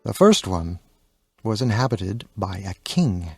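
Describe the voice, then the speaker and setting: A man narrating an audiobook in a calm storytelling manner. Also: on the low side, a little slow, vocal fry, slightly rough, dry recording, soft background music.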